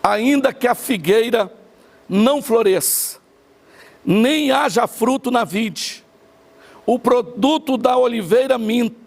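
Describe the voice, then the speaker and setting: A man's voice: very high-pitched, slow pace, creaky. A male pastor preaching a sermon, emphatic and repeating his key phrases. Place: church online service.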